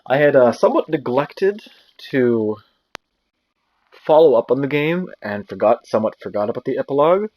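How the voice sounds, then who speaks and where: A man's voice: mid-range voice, dark tone, rough recording. A man hosting a let's-play video, talking casually over the game in a rambling way, correcting himself and adding dry asides. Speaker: gaming video host. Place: indoor room near a window on a windy day.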